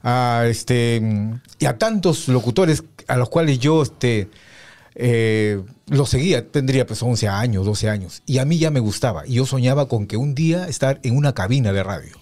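A middle-aged radio announcer, reminiscing in an unhurried, reflective way, with frequent pauses and fillers. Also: male voice, mid-range voice, expressive, darkish tone. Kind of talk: casual reminiscing conversation.

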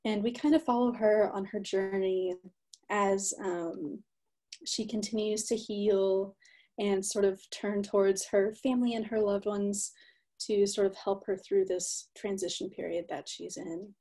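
Soft-spoken woman author, mellow voice. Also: mid-range voice, steady tone, a little slow. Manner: gentle, hesitant with many ums. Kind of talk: describing her book.

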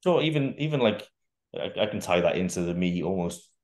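On a video call from a bare room at home, a young adult man who guest-coaches fitness chats casually in an interview, rambling, restarting sentences, and swearing now and then. His deep, darkish voice is animated and runs a little fast, and the room echoes.

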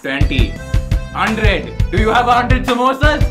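A man's voice: sits high, big pitch swings, rapid-fire, echoey room. A young man playing a cheeky male customer hungry for samosas, in a playful put-on comic voice. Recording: loud music behind.

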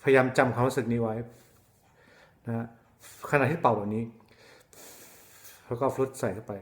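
A man's voice: medium pitch, steady tone, normal speed. Patient male flute teacher, roomy echo. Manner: patient, repeats points with short check-ins. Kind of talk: step-by-step instrument lesson.

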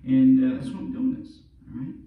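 A man's voice: mid-range voice, a little fast, phone-quality sound. A middle-aged man talking casually and informally to a distant camera in an empty room, as a vlogger. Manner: informal, peppers talk with "look" and "all right". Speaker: vlogger and veterans' awareness campaigner. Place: empty carpeted room indoors. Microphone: far camera. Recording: roomy echo, distant camera mic.

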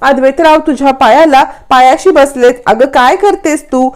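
A woman's voice: high voice, moderate pace, close to an everyday voice. A woman narrator voicing an indignant middle-aged mother scolding her daughter in a raised, stern voice.

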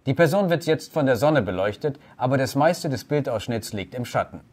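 Lively formal male tutorial narrator. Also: medium pitch, fairly quick, slight background noise. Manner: formal, addresses listener politely. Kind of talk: scripted instructional voice-over.

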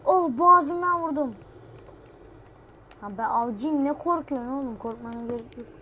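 A woman giving excitable gameplay commentary, swearing playfully and shouting sudden exclamations. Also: high voice, normal speed, a little hiss or hum. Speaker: gamer.

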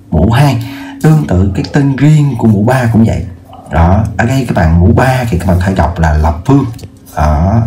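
Low, dark-voiced male math teacher. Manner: checks in often with "ok chưa?", slows to spell out numbers. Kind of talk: casual video math lesson.

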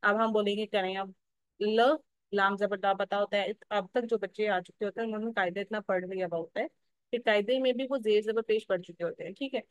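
A woman with a Pakistani Urdu accent teaching a phonics lesson for teachers, slowly sounding out syllables and often checking in. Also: medium pitch, steady tone, dry recording, poor audio. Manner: explanatory, checks in with "theek hai" often.

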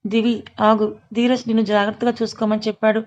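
A woman reading the lines of a protective mother gently calming her daughter. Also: on the high side, quick pace, dull audio, natural voice. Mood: soothing. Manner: soothing, protective. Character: caring mother, gently cautioning.

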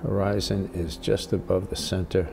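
Gentle, low-voiced older man teaching painting. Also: flat delivery, creaky, noisy background. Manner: gentle, encouraging, unhurried instruction. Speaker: watercolor painting instructor. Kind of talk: casual spoken painting tutorial.

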